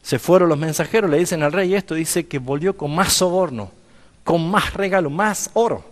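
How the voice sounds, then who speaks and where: Argentine preacher, high voice, lively storyteller asking the room questions, long church-hall reverb. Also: male voice, moderate pace. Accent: Argentine Spanish. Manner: storytelling, acting out dialogue, asks the audience questions. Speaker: pastor teaching a seminary class. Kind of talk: sermon-style Bible lesson.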